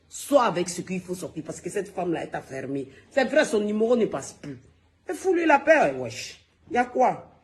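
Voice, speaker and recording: Heated man ranting on a livestream. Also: high voice. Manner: emphatic, repetitive, addressing viewers directly. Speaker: gossip live-streamer. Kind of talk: heated phone livestream rant. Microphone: phone.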